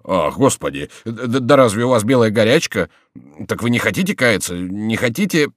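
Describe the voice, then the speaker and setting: A frightened monk, as a male reader plays him pleads and dodges questions. His voice is low, and it sounds dry and close to the mic. He talks in an evasive, beseeching way. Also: sing-song, moderate pace, no room sound. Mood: pleading.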